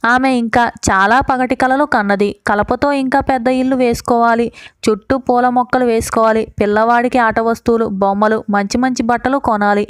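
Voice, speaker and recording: Smooth higher-voiced woman reading a folk tale. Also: fairly even intonation, moderate pace, dry recording. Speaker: storyteller. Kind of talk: scripted narration of a folk tale.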